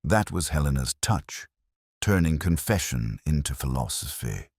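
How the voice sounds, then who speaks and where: A man whose voice is extremely deep and husky gives a first-person detective narration, brooding and measured, with a literary turn of phrase and a lively, varied melody. Nothing of the room comes through in this very dry recording.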